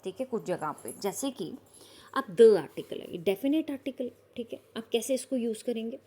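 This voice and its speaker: Woman teacher, slightly high pitch, patient step-by-step grammar explanation. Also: lively intonation, warm tone, breathy edge. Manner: explains slowly, asks the class if they understood. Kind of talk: grammar lesson.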